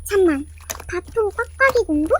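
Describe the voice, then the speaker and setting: Female skit voice, sped up and very high, playful and exaggerated, faint hiss behind. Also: animated, moderate pace, fairly bright tone. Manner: playful, exaggerated tongue-twister delivery. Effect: sped up to 130 percent. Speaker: storyteller voicing her own slime skit. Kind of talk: fast comic skit narration.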